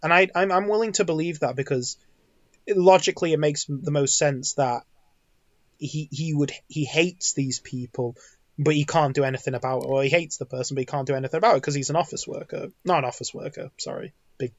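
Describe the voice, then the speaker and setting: A man's voice: fairly high pitch, a little fast, no room sound. Man, podcast co-host, casual chat, rambling, dry slightly dull recording. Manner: rambling, restarts a lot.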